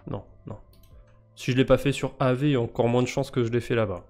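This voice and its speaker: A man's voice: mid-range voice, little pitch movement, very fast, a little mellow, faint music behind. A man with a French accent streaming live, casually commenting on crypto quests, joking and mocking himself as he thinks aloud.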